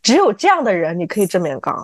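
A married woman co-hosting a podcast, telling stories in casual chat and repeating her words when she gets excited. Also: mid-range voice, fast, no echo. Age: adult, married. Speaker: podcast co-host.

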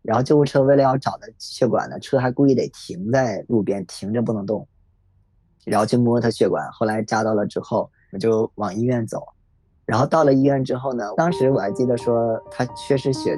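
A man in his thirties telling a personal story in a reflective, halting way, with many fillers. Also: on the low side. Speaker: podcast guest sharing a personal story. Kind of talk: emotional first-person storytelling. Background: faint background music.

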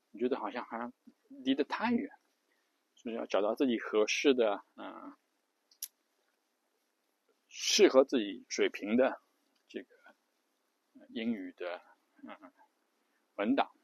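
A man's voice: fairly low pitch, no room sound. A man hosting an English-learning channel, explaining a study method in a casual spoken lesson, hesitant and full of restarts and fillers. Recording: muffled, lo-fi dry recording.

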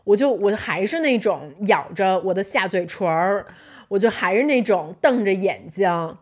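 Animated woman telling a funny story. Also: medium pitch, normal speed. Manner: animated, laughs often, switches into English words. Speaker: podcast co-host. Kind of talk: casual chat, storytelling.

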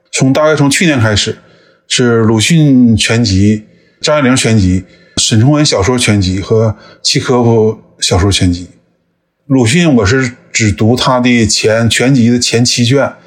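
Conversational and reflective, the northeast Chinese man in his fifties pauses and hesitates often while being interviewed on a podcast. His voice is medium in pitch and slightly rough.

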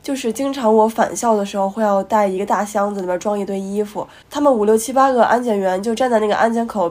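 A woman in her twenties with a cold, co-hosting a podcast and telling a story in an animated way, with outraged retorts. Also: medium pitch. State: has a cold. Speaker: podcast co-host. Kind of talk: casual chat.

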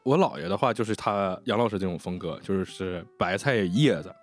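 A man's voice: low-pitched, a little fast, soft background music. A man from Northeast China talking as a podcast host, telling personal stories in a chatty way and repeating words for emphasis. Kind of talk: casual chat, personal storytelling.

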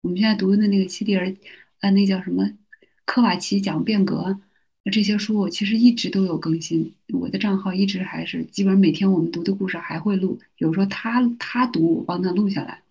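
A middle-aged woman, a university teacher, telling personal stories as a guest on a podcast, in a soft-spoken, reflective way with many small restarts. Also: medium pitch, fairly even intonation, a little fast, creaky, breathy edge. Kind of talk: conversational storytelling.

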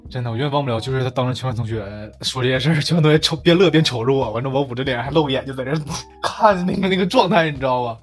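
A young man, co-hosting a podcast and telling a story in a casual, animated way with frequent laughs. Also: medium pitch, rapid-fire, few pauses, music in the background. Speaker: podcast co-host.

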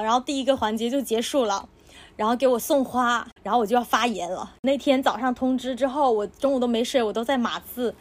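A young woman co-hosting a podcast, chatting casually and telling an animated story, acting out what people said. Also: fairly high pitch. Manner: animated storytelling, acts out quoted exclamations. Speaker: podcast co-host. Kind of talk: casual chat.

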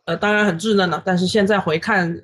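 A woman in her thirties, a guest illustrator on a podcast, recounting her story in an animated way with many fillers and English words dropped in. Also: fairly low pitch, fast, a little hiss or hum. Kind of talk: casual podcast interview.

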